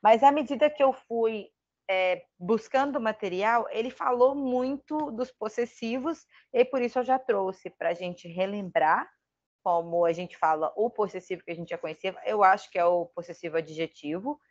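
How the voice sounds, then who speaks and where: A woman's voice: mid-range voice, normal speed, a little mellow, highs cut off. A woman with a Brazilian Portuguese accent giving a casual online English lesson, chatty and thinking aloud with self-deprecating asides. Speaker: English teacher.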